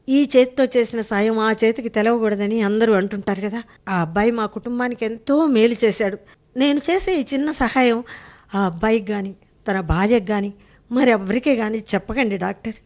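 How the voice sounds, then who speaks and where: A woman playing an elderly, humble mother who quietly pleads with a doctor. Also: fairly high pitch, fairly quick, lightly acted. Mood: pleading. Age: older. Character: elderly poor mother, humble, self-sacrificing.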